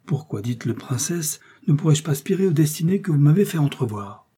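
A humble young man pleading his case voiced by a male reader, restrained and deferential, his voice held low and muffled. The tone is dark, mellow and husky, pitched a little above the narration. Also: expressive, fairly quick. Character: humble, ambitious young man, a freed serf's son.

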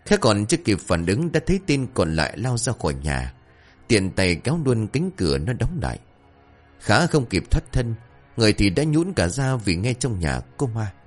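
A man narrating a ghost story with lively, expressive storytelling. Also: lowish voice, moderate pace. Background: faint music.

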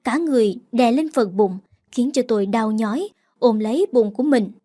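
A woman's voice: a little high, animated, normal speed, warm tone. A woman narrating a dramatic first-person story aloud, reading with emotion.

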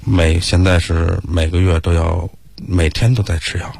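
A middle-aged man from the Beijing area, a taxi driver guest on a radio talk show, speaking in a plain, halting, matter-of-fact way. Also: deep voice, fairly even intonation, vocal fry, a little mellow, husky, no room sound. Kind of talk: radio interview.

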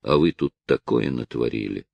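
A man voicing a stern, weary male police officer who speaks quietly and firmly. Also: very deep voice, normal speed, creaky, no room sound, highs cut off, pitched below the performer's own voice, exaggerated voice.

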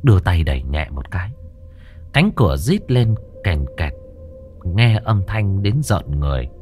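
Male ghost-story narrator with a low, animated delivery over soft music. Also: unhurried. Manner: lively dramatic storytelling.

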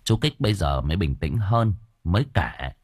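A man's voice: deep voice, normal speed, husky, no room sound, clean studio sound. A man narrating a ghost story dramatically. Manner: expressive, dramatic. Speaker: audiobook narrator.

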